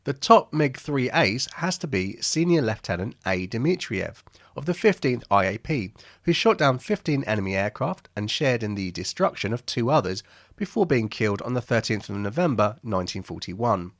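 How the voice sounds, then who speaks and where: A man's voice: mid-range voice, sing-song, normal speed, no room sound, studio quality. A man narrating an aviation history video as a scripted voice-over, with wry, jokey asides between the statistics.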